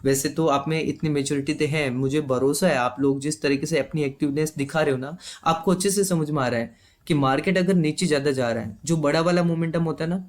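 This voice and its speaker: A man's voice: fairly high pitch, fairly quick. A man teaching a live online trading class. He explains step by step and keeps checking with his students.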